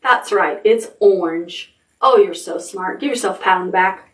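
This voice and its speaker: A woman's voice: medium pitch, moderate pace. A woman hosting a preschool storytime, talking as if reading to a toddler, with simple questions and praise. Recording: roomy sound, distant mic.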